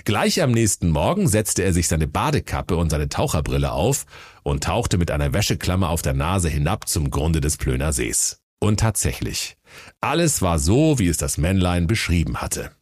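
A man with a deep, low voice tells a comic fairy tale. His delivery is dry and mock-solemn, like a mock bedtime story. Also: very animated, moderate pace, a little mellow.

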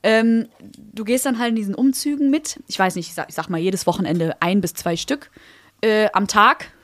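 A young woman, chatting casually as a podcast co-host and telling stories in a lively, blunt way. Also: medium pitch, moderate pace, no echo. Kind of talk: casual chat.

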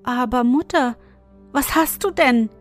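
A woman's voice: high-pitched, a little slow, soft background music, voice pushed up. A woman voicing a frightened young dwarf who pleads with his mother to recognize him. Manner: pleading, anxious.

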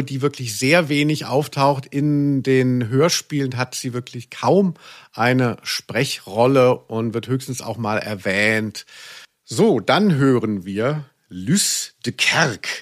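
Speaking slowly in a mid-range voice, this podcast co-host talks casually about audio dramas, keeping a playful, mock-serious tone.

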